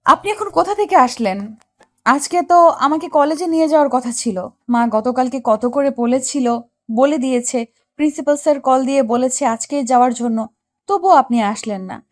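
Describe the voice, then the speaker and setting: A woman's voice: sits high, normal speed, no room sound, studio quality, lightly acted. A woman narrating and playing a young wife who tells the story in first person, earnest and questioning, for a Bengali audio story. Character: young wife, hurt and puzzled.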